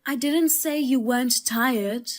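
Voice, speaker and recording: A woman telling a drama as the narrator and wife, in a calm, measured and firm way. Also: sits high, soft background music.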